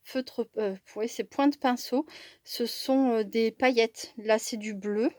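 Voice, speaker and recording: A woman talks slowly and unhurriedly as she shows off craft supplies in a casual haul video. Her voice sits a little high, and she hesitates often, circling back and restarting her sentences. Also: fairly even intonation, a little mellow, no echo. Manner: slow and hesitant, many fillers and restarts. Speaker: crafting vlogger. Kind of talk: casual product haul chat.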